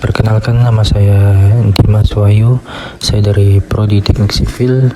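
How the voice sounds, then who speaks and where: A young man, a student, reading his class presentation in a steady, scripted way. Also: lowish voice, measured pace, noisy background. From Indonesia. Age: young adult. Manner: steady, reads from a script in a flat tone.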